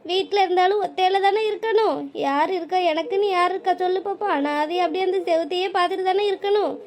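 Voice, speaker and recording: A woman's voice: extremely high pitch, quick pace, a little mellow. A woman voicing a weepy old village widow. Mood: weary. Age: older. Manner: tearful, pleading, self-blaming. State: crying.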